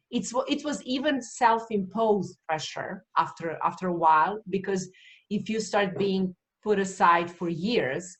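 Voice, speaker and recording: A woman from Serbia, interviewing and slowly summarizing what she hears. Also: fairly low pitch. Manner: slow, summarizing, searching for words. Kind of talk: reflective interview questions.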